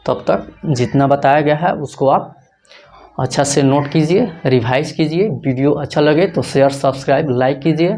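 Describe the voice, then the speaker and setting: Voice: mid-range voice, normal speed, darkish tone, a little hiss or hum. A teacher giving a grammar lecture, asking rhetorical questions and answering them himself, repeating each rule step by step. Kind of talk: Hindi-language grammar lecture.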